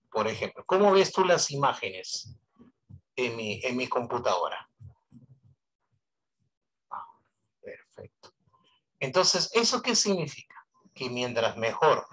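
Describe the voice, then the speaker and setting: A man's voice: mid-range voice, fairly bright tone, poor audio. A man teaching an online economics class, speaking through a voice amplifier, who keeps asking his students questions and repeating his points for emphasis. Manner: asks students constant rhetorical questions.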